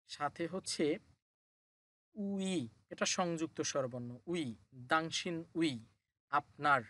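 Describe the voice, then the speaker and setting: Male tutor with a slightly high voice who builds up each word syllable by syllable. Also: fairly bright tone. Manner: slow, repeats and spells out each syllable. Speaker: language teacher. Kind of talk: explaining Korean pronouns in a lesson.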